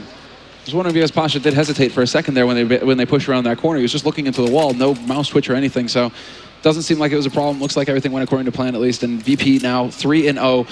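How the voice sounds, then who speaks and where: A man working as an esports caster, giving running match commentary and analysis. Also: medium pitch. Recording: faint game noise behind commentary. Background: faint video game ambience.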